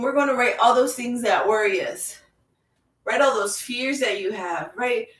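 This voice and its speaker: A woman leading a chair yoga class, guiding breath and movement with slow, soothing, repeated cues. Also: on the high side. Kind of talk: guided yoga class with visualization. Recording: echoey room, voice from far off.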